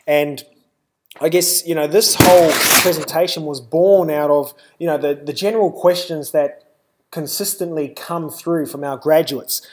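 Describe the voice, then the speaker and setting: A man's voice: fairly high pitch, steady tone, normal speed, heavy background noise. A man with a New Zealand accent giving a live webinar presentation, talking loosely with lots of "uh" and "you know".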